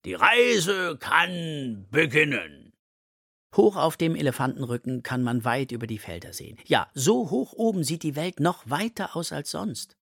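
A man reading a children's story aloud in a slow, expressive way. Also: a little high, vocal fry, dry recording, studio quality.

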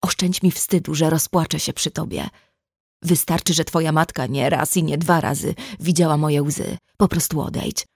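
A woman's voice: low voice, fairly even intonation, normal speed, gravelly, breathy edge, no echo, clean studio sound, exaggerated voice. A woman voicing a guilt-ridden young man in love, who pleads in a breaking voice in an audiobook. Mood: despairing.

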